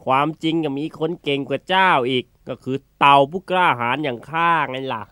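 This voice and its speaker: In a children's animal fable, a man voices a brave, wily, unflappable turtle who outsmarts bullies, sounding confident, teasing, defiant, and firm. His mid-range voice is brisk, sharp, clear, and resonant, natural-sounding in a clean studio recording with no room sound.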